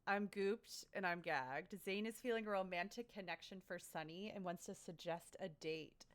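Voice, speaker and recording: A woman's voice: on the low side, normal speed, clean tone. A young woman casually narrating her gameplay, bubbly, chatty and easily delighted. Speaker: let's play host.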